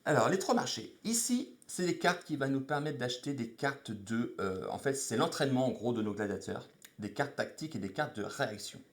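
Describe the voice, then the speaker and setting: A man's voice: mid-range voice, lively intonation, fairly quick. A man with a mid-range voice talks through game rules in a loose, chatty way, stopping to greet viewers along the way. The sound is roomy and echoey. His delivery is casual and unscripted. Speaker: live-stream host. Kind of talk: casual board game rules explanation on a live stream. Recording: echoey room.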